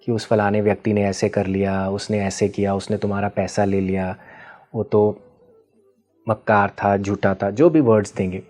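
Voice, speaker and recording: This guest, an expert on ancestral healing, has a fairly low, darkish voice and a flat delivery at a moderate pace. He teaches patiently during the interview, mixing Hindi with English terms and regularly pausing to ask whether the listener is following.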